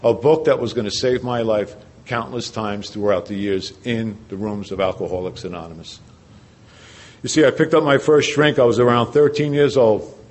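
At a meeting, a man from New Jersey earnestly recounts his recovery, using repetition and rhetorical questions. His voice is mid-range, steady and a little mellow, at a moderate pace.

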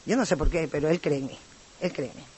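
A woman's voice: low-pitched, fast talker, darkish tone, slightly rough. Ecuadorian woman telling her story at a group meeting, talks and talks, lots of little asides. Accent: Ecuadorian Spanish. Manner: talkative and rambling, with many asides. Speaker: speaker at a recovery group meeting. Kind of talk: personal testimony.

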